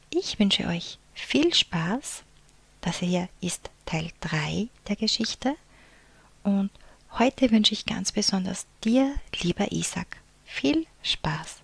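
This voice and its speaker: A woman's voice: medium pitch, lively intonation, slow pace, creaky, breathy edge, dry recording. Woman whispering a bedtime story. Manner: soft unvoiced whisper. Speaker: picture book reader.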